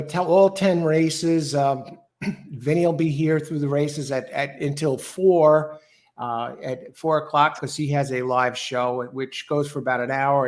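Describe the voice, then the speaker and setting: A man hosting a casual live horse racing show, chatting through picks and greeting listeners. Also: medium pitch. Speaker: host.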